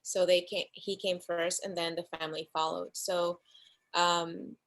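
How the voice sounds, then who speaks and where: A woman guest from the Dominican Republic, chatting casually about her life in an interview over a video call, animated and often laughing. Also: fairly low pitch, unhurried, rough recording. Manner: animated storyteller, laughs often, acts out voices. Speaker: guest actress.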